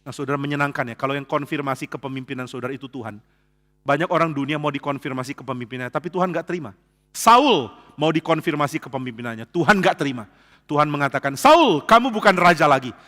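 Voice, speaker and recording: Bright-voiced pastor in an echoing church. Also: male voice, medium pitch, quick pace. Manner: acts out dialogue in lively voices; drops in English phrases. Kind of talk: expository sermon. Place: church sanctuary. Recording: long church hall reverb.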